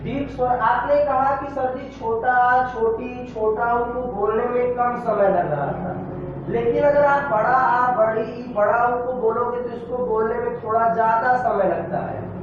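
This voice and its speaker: Male teacher, high voice, drilling questions, echoey room, dull far-off mic. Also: a little slow, noisy background. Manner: repetitive question-and-answer drilling. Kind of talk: classroom lecture.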